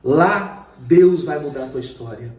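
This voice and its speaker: A tearful, welcoming pastor, as a man puts him on. His pleading voice is pitched up and loud. It sounds roomy and distant from the mic. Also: expressive, measured pace. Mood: pleading warmly.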